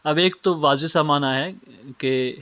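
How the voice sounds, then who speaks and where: A man's voice: fairly high pitch, bright, forceful tone, dry recording. A man from Pakistan lecturing on Islamic studies, explaining step by step with simple everyday examples. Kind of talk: recorded lecture.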